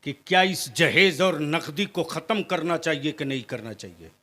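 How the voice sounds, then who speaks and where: A man preaching a fiery sermon at an outdoor gathering, questioning the crowd and rising into shouts. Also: on the high side, expressive, normal speed. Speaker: Islamic preacher.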